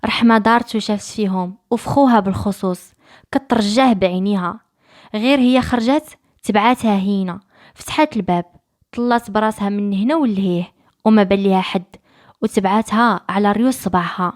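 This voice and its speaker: A woman with a Moroccan accent narrating a dramatic story. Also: medium pitch. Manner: lively, fast storytelling.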